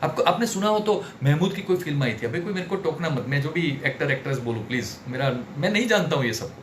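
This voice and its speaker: A man teaching a public speaking workshop in an animated, theatrical way, mixing Hindi and English. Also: fairly high pitch, fast talker. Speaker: personality development trainer. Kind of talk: online workshop lecture. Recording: roomy with faint background noise.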